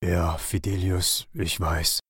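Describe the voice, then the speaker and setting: A man's voice: low-pitched, level tone, slow, fairly bright tone, slightly rough, no echo, clean studio sound, full character voice. A man voicing a good-natured, clumsy otter in a children's audio story, hesitant and sheepish.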